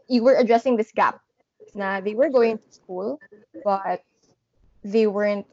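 A woman's voice: medium pitch, a little mellow, muffled recording. A woman with a Filipino accent hosting a podcast and interview, recorded at home under a blanket. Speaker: podcast host.

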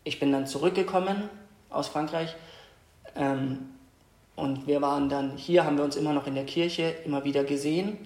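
A young man from Austria speaks as an interview guest. His voice sits a bit high and stays flat, almost monotone, as he thinks aloud with frequent hesitations. The sound is roomy and echoey. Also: moderate pace. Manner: hesitant, reflective, many fillers and restarts. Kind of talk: personal storytelling in a podcast interview. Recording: echoey room.

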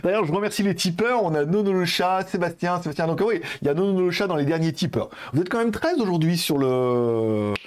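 A man's voice: high voice, expressive, fairly quick, few pauses. A man streaming live, chatting casually, laughing often and reading viewer comments aloud. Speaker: Twitch streamer.

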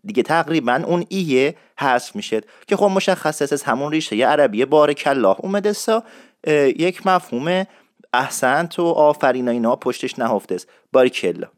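Lively man teaching. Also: fairly high pitch, dry recording, clean studio sound. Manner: lively explainer, repeats words slowly for learners. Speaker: language teacher. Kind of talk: teaching Isfahani dialect expressions.

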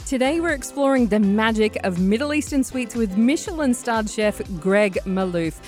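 A woman's voice: fairly high pitch, animated, normal speed, a little mellow. An upbeat, enthusiastic woman from Australia presenting as a radio host, introducing her show and guest. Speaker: radio host interviewing a chef. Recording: music bed behind voice. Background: music.

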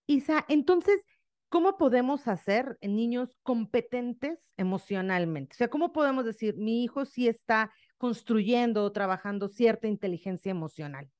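A woman's voice: a little high, expressive, moderate pace, darkish tone. A woman hosting a podcast, putting curious, probing questions to her guest. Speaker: podcast host. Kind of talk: interview questions.

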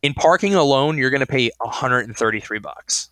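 A man's voice: medium pitch, lively intonation, a little fast, bright, forceful tone, no room sound. A young man co-hosting a podcast in casual chat, rambling with lots of fillers and restarts. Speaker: podcast co-host.

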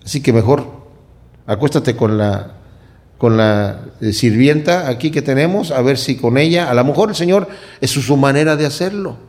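A man's voice: medium pitch, normal speed, a little mellow, lightly acted. A man voicing an impatient elderly wife who nags and coaxes her husband. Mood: complaining. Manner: nagging, coaxing.

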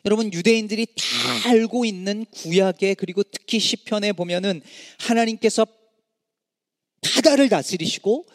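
High-voiced pastor preaching in a hall. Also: male voice, normal speed, creaky, studio quality. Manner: dramatic rises and hushed drops, voicing anguished cries to God. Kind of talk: sermon.

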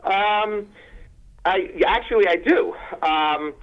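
Slightly higher-voiced male guest, hesitant, muffled lo-fi sound. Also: takes it slowly. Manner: hesitant, restarts. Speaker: guest from an ingredient supplier. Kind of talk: interview talk.

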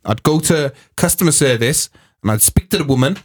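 A young man co-hosting a podcast, telling stories in an animated, slangy way full of swearing. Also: a little high, fairly quick. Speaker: podcast co-host. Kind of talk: casual chat.

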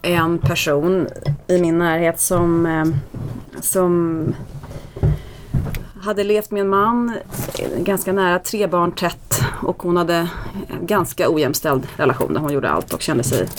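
En kvinna i 30- eller 40-årsåldern som gäst och mamma, som berättar livligt och skrattar ofta i ett avslappnat samtal. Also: female voice, on the low side, noisy background. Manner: lively storyteller, laughs often. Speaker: guest, mother. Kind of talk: casual podcast chat.

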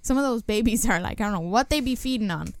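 A woman's voice: fairly high pitch, animated, fast talker, no echo. A woman in casual podcast chat, blunt and sweary, laughing often.

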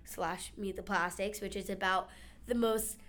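A woman's voice: mid-range voice, fairly even intonation, unhurried, fairly bright tone. A young woman co-hosting a musical theater segment, plainly announcing the show's parts as if reading from notes. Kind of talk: semi-scripted segment presenting.

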